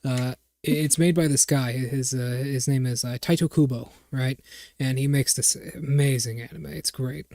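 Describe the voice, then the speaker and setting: A man voicing an excitable female ghost fangirl who rambles with enthusiasm in a tabletop game. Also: mid-range voice, normal speed, creaky, no echo, natural voice. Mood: gushing. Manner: gushing, rambling.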